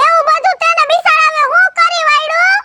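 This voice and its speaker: A woman's voice: very high-pitched, flat delivery, fast talker, background noise. A woman playing a sympathetic village woman who pleads with an old neighbor in a chatty way. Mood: pleading. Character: soft-hearted young village woman.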